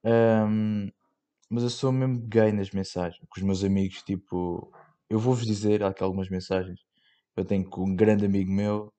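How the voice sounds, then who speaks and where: Slangy young Portuguese podcast man, low voice. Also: mellow. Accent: European Portuguese. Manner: slangy, rambling, with many fillers and swearing. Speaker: podcast host. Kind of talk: casual solo podcast chat.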